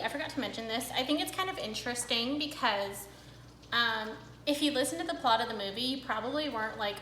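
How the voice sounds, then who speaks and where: A woman's voice: on the high side, bright, forceful tone, reverberant, a little hiss or hum, poor audio. A young woman hosting a cooking vlog, chatting casually to camera with a rambling, filler-filled manner.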